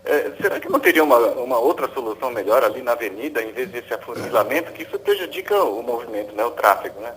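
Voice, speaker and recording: A man's voice: mid-range voice, expressive, fast talker, hardly any pauses, fairly bright tone, slight background noise. A man with a Brazilian accent calling into a radio show over a phone line, hesitant and restarting as he puts his question. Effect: caller heard over a phone line on air.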